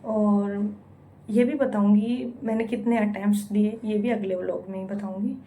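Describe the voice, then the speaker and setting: A woman's voice: mid-range voice, fairly even intonation, measured pace, warm tone, slight background noise. A young woman from India vlogging, telling a frank, rambling and emotional story in casual confessional talk, with a recurring filler word. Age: young adult. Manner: emotional, repeats "यूँ" often, frank and rambling.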